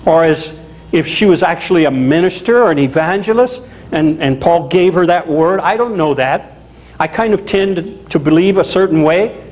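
Preaching to a small chapel, the middle-aged pastor from Louisiana keeps things animated and chatty, with frequent asides. His voice sits high, and the recording quality is low.

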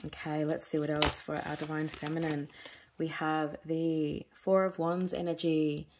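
Low, flat-voiced woman reading tarot. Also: noisy background. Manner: slow, soothing, repetitive phrasing. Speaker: tarot reader. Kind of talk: spiritual tarot reading monologue.

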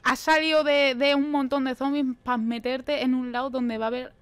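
A woman's voice: high voice, flat delivery, moderate pace, clean tone, no room sound. A young woman with a Spanish accent from Spain commentating live on a horror game she plays, swearing often and talking to the characters on screen. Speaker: gaming streamer.

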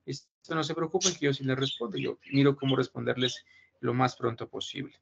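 Gravelly teacher on a call. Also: male voice, mid-range voice, fairly quick, a crowd in the background. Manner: reassuring, repeats himself, keeps checking with "¿listo?". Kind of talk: online class talk to students. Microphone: video call. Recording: muffled video call audio with faint noise.

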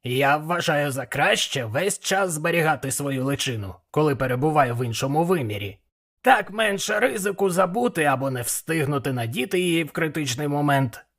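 A cautious male devil grumbles in a measured way, voiced by a man for an audiobook. His voice is raised and gravelly. It has a raspy, bright edge. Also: a little high, lively intonation, voice pushed up, heavily acted. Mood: grumbling. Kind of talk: audiobook character voice.

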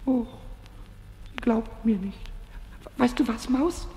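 A man's voice: very high voice, takes it slowly, mellow, echoey room, long reverb tail, a little hiss or hum, exaggerated voice. An actor voicing a mischievous, childlike little male kobold in a vintage radio play, stammering, giggling, and jumping between whispers and squeals. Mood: coaxing.

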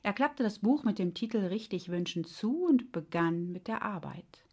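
Calm woman telling a story. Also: mid-range voice, moderate pace, breathy edge. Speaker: life coach. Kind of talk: storytelling narration.

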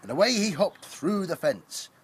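A man's voice: high voice, big pitch swings, very noisy. A man playing a grown-up storyteller figure in a children's show, reading a story aloud with gasps. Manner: slow, very sing-song storytelling with gasps.

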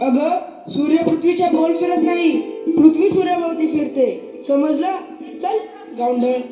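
A reform-minded husband in a school play, played by a performer in a very high voice that scolds and lectures but stays supportive. The sound is dull and rings around an echoey hall. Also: female voice, moderate pace, faint music behind. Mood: firm.

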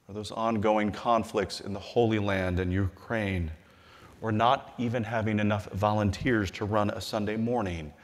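A middle-aged man preaching from a lectern with a somewhat low voice. He speaks in a measured, earnest way and eases down gently on quoted scripture. His words ring out with a long hall reverb. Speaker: bishop. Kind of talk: sermon-style convention address. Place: large hall, at a lectern on a stage.

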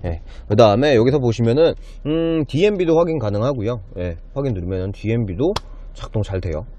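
A man's voice: medium pitch, lively intonation, fairly quick, warm tone, lo-fi sound. A man in his thirties presenting a car as a used car dealer, with polite, enthusiastic salesman patter in a casual walkaround style. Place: inside a car and in an underground car park.

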